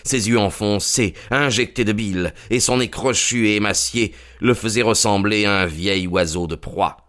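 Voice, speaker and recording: A man doing the sidekick narrator, low even voice, steady storytelling, audio drama. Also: moderate pace, close to an everyday voice. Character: sober male companion narrating the case.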